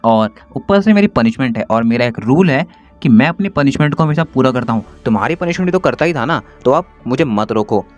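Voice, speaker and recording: A man's voice: mid-range voice, animated, brisk, faint music behind, lightly acted. A man voicing a sheepish, apologetic boy superhero in a storybook retelling. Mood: eager.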